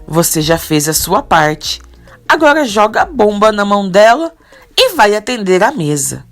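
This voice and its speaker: A woman's voice: mid-range voice, big pitch swings, normal speed, soft background music, pitched above the performer's own voice. A woman reading the lines of a friendly, teasing male coworker who gives advice, from a soap opera recap.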